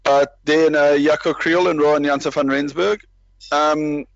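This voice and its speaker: A man's voice: on the high side, steady tone, a little slow, creaky, no echo, muffled recording. A man talking rugby in a casual, rambling way, with many restarts and self-deprecating asides. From South Africa. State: parent with a baby nearby. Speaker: rugby podcast panelist. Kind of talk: casual chat.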